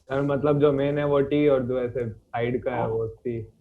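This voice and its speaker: A man's voice: medium pitch, steady tone, unhurried, phone-quality sound. A male student, answering his teacher in short replies during an online class.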